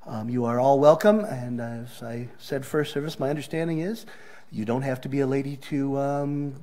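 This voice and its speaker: A man's voice: mid-range voice, fairly even intonation, moderate pace, dark tone. A man with a Southern accent welcoming a church congregation and giving announcements in a friendly way, with frequent ums. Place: church sanctuary.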